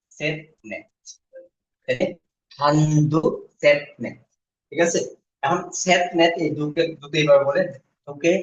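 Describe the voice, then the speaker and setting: Male teacher, slow repetitive drilling style, distant and dull in an echoey classroom. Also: on the high side, a little hiss or hum. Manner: slow repetitive drilling, asks "ঠিক আছে?". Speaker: language teacher. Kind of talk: classroom lesson.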